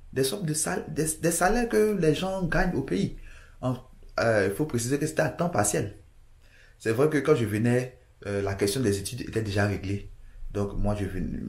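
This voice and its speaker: A man's voice: fairly low pitch, echoey room. A man from Côte d'Ivoire giving casual immigration advice to camera, hesitant, with many restarts and fillers.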